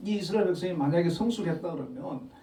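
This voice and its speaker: A male pastor giving a Sunday morning sermon in a conversational, animated storytelling manner with frequent chuckles. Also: on the high side, fast. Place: church sanctuary. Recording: echoey hall, voice from a distance.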